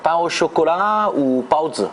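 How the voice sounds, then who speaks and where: Male host, brisk interviewer, animated intonation, playful questions. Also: on the high side, noisy background.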